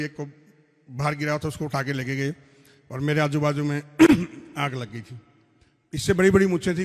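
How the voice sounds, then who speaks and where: A veteran soldier giving an earnest, blunt talk to an audience, telling his own story. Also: on the high side. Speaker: army veteran speaker. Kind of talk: speech to an audience. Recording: reverberant hall.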